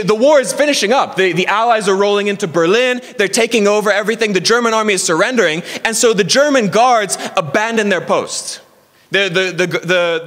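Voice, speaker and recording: A man with a fairly high voice delivers an energetic sermon. He tells a war story in bursts, tripping over repeated words as he builds toward his points. The sound carries a long reverb from a large church hall. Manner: energetic preaching with storytelling and stumbling restarts. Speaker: preacher.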